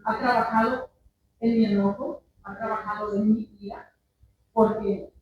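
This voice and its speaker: A woman's voice: medium pitch, fairly even intonation, a little slow, highs cut off, noisy background. A woman giving a personal testimony in church, speaking earnestly and calling her listeners brothers. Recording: echoey church hall from far off.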